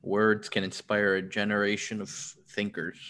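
A man with a fairly low voice hosts a casual podcast. He banters dryly and plays jokes straight and mock-earnest. His talk is loose and conversational. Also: monotone, measured pace, fairly bright tone. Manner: dry, mock-earnest joking. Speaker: podcast host.

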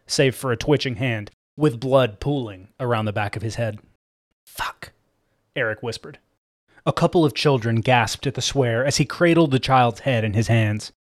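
A man's voice: mid-range voice, dry recording. Man narrating an audiobook, dry sound.

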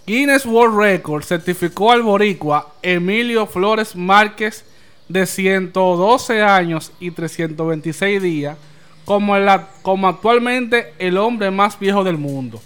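A man's voice: high-pitched, unhurried, fairly bright tone, clean tone. A man with a Dominican accent hosting an open-air podcast in casual chat. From Dominican Republic. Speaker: podcast host.

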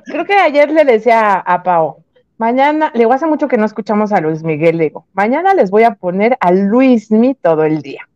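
A woman's voice: fairly high pitch, sing-song, fairly quick, darkish tone, muffled recording. A woman chatting as a radio host, laughing and acting out other people as she tells stories. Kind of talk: casual radio chat.

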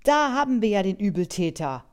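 A woman voicing a cranky, fussy male sports-car driver in a children's storybook, with a shrill, indignant way of talking. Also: very animated, fairly quick, close to an everyday voice. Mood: gloating.

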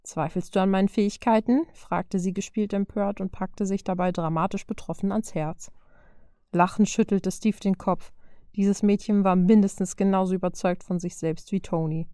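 A woman reading a fan fiction story aloud in a calm, even way. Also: mid-range voice, normal speed, no echo, clean studio sound. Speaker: reader.

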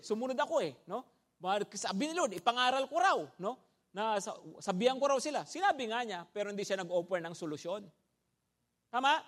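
A high-pitched man delivering an animated sermon, switching between Tagalog and English. He keeps checking in with his listeners by asking "no?" and acts out his stories with loud sound effects. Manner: animated, often asks "no?" and "di ba?" of listeners. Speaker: preacher. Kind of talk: Taglish sermon.

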